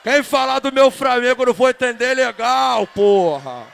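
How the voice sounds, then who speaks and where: A hoarse man from Brazil, performing as a funk MC and chanting rhythmically over a beat, calling out to the DJ. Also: extremely high pitch, level tone, normal speed, fairly bright tone, slight background noise. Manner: rhythmic chanting, calls out to the DJ and crowd. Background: funk beat playing.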